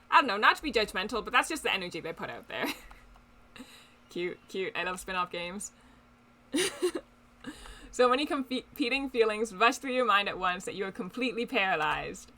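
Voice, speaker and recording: A woman's voice: mid-range voice, pushed and bright. A young woman streaming a dating game, chatting casually and reading the game text aloud with giggly asides. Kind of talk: casual let's play chat and reading aloud.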